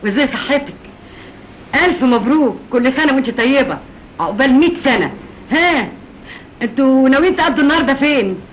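A woman's voice: high voice, animated, brisk, pauses often, a little hiss or hum. An actress playing a doting, chatty middle-aged mother on the phone, speaking with an Egyptian Arabic accent. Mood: cheerful. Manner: warm congratulating chatter. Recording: dull lo-fi old film soundtrack.

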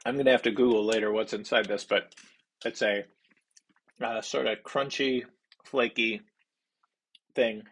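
A man, hosting a casual foodie snack review in a halting way, thinking aloud as he describes flavours. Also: on the low side, fairly even intonation, fairly bright tone, a little hiss or hum. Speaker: food review host. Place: small indoor home office.

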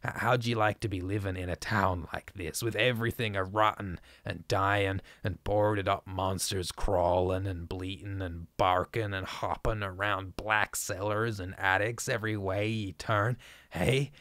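A wild, half-mad old man, as a man narrating puts him on spits out his tale in a rustic old drawl, swinging from maudlin mumbles to shrill ranting. The voice sits fairly low underneath. It is recorded close and dry, with no room around it. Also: steady tone, takes it slowly, gravelly, fairly bright tone, no room sound, heavily acted. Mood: agitated.

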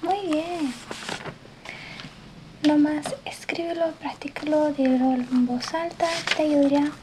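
A woman in a whispered role-play as an English teacher, speaking softly and patiently and slipping between a gentle voice and a whisper. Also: high voice, fairly even intonation, noisy background. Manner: soft-spoken, slow and patient, drifting between soft voice and whisper. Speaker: ASMR creator playing an English teacher.

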